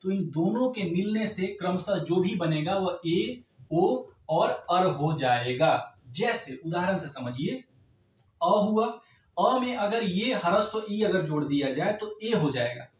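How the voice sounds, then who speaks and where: A man's voice: high voice, lively intonation, takes it slowly, recorded from a distance. A man teaching an exam-prep grammar lesson, explaining step by step and checking in with the class often. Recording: echoey room, voice off-mic.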